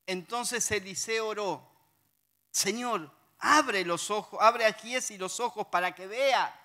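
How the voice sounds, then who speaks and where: A man with a high voice and a Rioplatense Spanish accent preaches a sermon. His tone is bright and forceful, and he reads scripture aloud between lively, humorous asides to the congregation. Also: slow.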